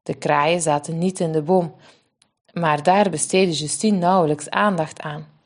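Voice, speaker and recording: A woman reading a story aloud for children, with a lively and expressive delivery. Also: low-pitched, unhurried.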